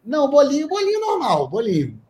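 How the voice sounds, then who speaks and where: A man telling a comic anecdote in an animated way, often repeating and restarting words. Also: very high voice, brisk. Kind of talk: comic storytelling.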